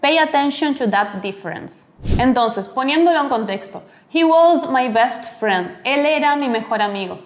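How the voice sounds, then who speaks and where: A woman giving a recorded English class, explaining step by step and slowing down to model each English word. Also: high voice, lively intonation. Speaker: English teacher.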